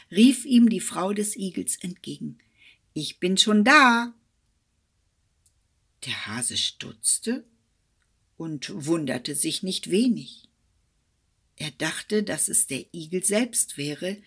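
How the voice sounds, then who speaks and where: A woman's voice: lowish voice, darkish tone, slightly rough. A woman reading a fairy tale aloud expressively, sometimes dropping to a whisper. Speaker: storyteller.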